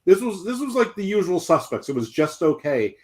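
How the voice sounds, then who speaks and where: A man's voice: sits high, sing-song, a little fast, darkish tone. Rambling man in his fifties. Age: 50s. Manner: rambling, jokey, self-interrupting. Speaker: podcast co-host. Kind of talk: casual wrestling chat.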